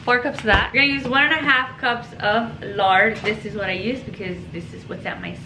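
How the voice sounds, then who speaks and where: Fairly quick and steady in tone, with a voice on the high side, a young woman from Mexico whose native language is Spanish chats informally and self-deprecatingly as she makes a cooking video at home. Her kitchen recording has echo and background noise.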